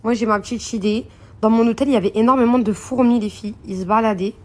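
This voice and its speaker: A woman's voice: on the high side, fairly even intonation, fast, darkish tone. Chatty young woman vlogging. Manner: chatty, rambling, addresses viewers as princesses and girls. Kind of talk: casual phone vlog to followers. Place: hotel room.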